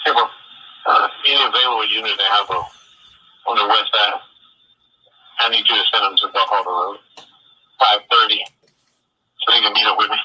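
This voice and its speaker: Man, police officer on police radio, husky bright voice, distant radio sound. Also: on the low side, fairly even intonation, moderate pace, long pauses. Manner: casual, calls the dispatcher bro. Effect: police radio transmission.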